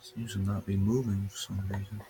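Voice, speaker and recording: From an upstairs room at home, a weather livestreamer with a low, warm voice speaks into his webcam a little fast and in a level tone. His casual weather commentary is loose and unscripted, talking through his screen while he waits on it, with faint background noise underneath.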